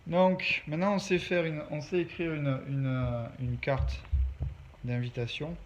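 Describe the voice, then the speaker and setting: A man with a fairly high, level voice teaches English at a measured pace, walking through the lesson step by step and pausing to make sure his pupils are following. The recording is dull and lo-fi, with faint background noise.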